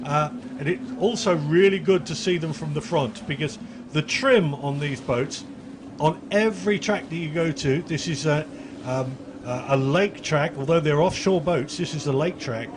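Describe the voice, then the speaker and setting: A man's voice: a little high, moderate pace, background noise. A man doing live race commentary in a chatty, jokey way, describing boats he watches out the window.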